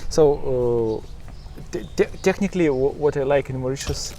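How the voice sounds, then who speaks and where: A man's voice: medium pitch, measured pace, dark tone, a little hiss or hum. A man conducting a casual business interview, speaking in choppy, non-native English phrasing.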